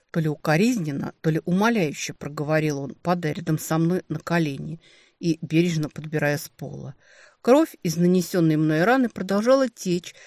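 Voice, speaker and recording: An audiobook narrator reading a dark fantasy novel in an expressive, dramatic way. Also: mid-range voice, no echo, studio quality.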